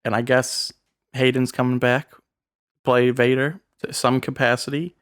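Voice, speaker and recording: A man's voice: medium pitch, little pitch movement, measured pace, fairly bright tone, no room sound. A young man hosting a podcast in a casual chat, leading the segments with dry teasing. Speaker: podcast host.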